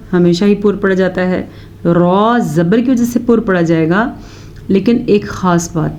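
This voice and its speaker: Soft-toned female tajweed teacher. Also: mid-range voice, lo-fi sound. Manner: explains rules, then recites verses slowly and drawn out; addresses students directly. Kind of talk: recitation lesson.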